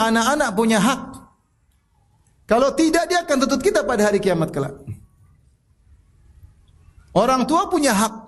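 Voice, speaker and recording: A middle-aged man preaching a sermon, pressing the listener with repeated rhetorical questions and telling personal stories with a soft laugh. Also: high-pitched. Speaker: Islamic preacher.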